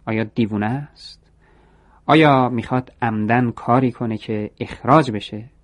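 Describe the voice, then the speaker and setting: A man's voice: medium pitch, dry recording, close to an everyday voice. A man voicing a young shop coworker who talks in a wondering, chatty way. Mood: puzzled.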